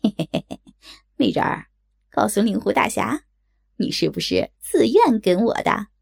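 A cruel, shrill-voiced outlaw man, as a woman narrator puts him on, who cackles and taunts with a gravelly, husky edge. His pitch swings widely as he sneers. Told in an audiobook story. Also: big pitch swings, normal speed, darkish tone, no room sound, clean studio sound, heavily acted. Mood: mocking.

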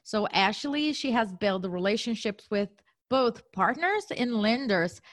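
A woman's voice: a little high, lively intonation, a little slow, no room sound. Woman, podcast co-host, encouraging, eager, English, dry sound. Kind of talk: casual podcast chat.

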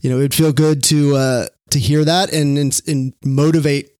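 A man hosting a podcast interview, asking questions and affirming his guest in an earnest, measured way. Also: fairly high pitch, steady tone, darkish tone, no echo, clean studio sound. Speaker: podcast host.

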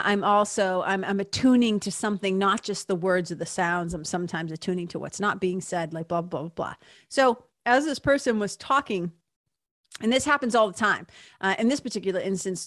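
A woman's voice: medium pitch, normal speed, fairly bright tone, dry recording, clean studio sound. A woman podcast host and spiritual mentor talking informally and conversationally to listeners, repeating words for emphasis and checking in with them. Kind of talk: casual solo podcast talk.

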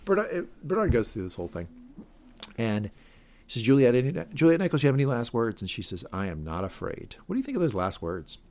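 A man's voice: mid-range voice, sing-song, fast talker, darkish tone. A man co-hosting a podcast, recapping a TV episode in a rambling, self-correcting way and speculating about what comes next. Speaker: podcast co-host.

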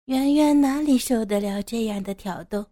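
A woman narrating an erotic audio story in a slow, even reading voice. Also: fairly high pitch, no room sound, clean studio sound.

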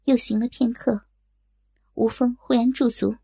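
Woman narrating a wuxia story, husky and a bit gravelly, mellow tone. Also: a little high, little pitch movement, no room sound, studio quality. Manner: measured, storytelling. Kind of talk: scripted martial-arts story narration.

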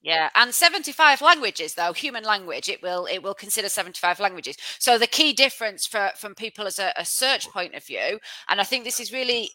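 A woman presents a podcast in a bright, forward voice at a medium pitch. She is conversational and explanatory, stressing key points plainly. The sound is dry, with little room. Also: animated, a little fast, hardly any pauses, no echo, rough recording. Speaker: podcast host.

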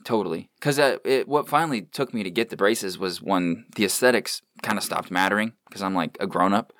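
A man's voice: on the low side, a little fast, a bit bright, no room sound, studio quality. A man in his thirties hosting a casual podcast chat, laid-back and swearing freely. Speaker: podcast host. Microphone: studio microphone without headphones.

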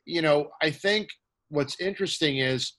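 A man's voice: fairly high pitch, normal speed, fairly bright tone. Man asking long, rambling questions. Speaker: interviewer. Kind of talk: casual interview conversation.

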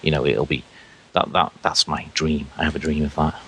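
A man's voice: a bass voice, flat delivery, a little fast, sharp tone, breathy edge. A man with a Scouse accent, a guest chatting casually on a podcast in an earnest, chatty way.

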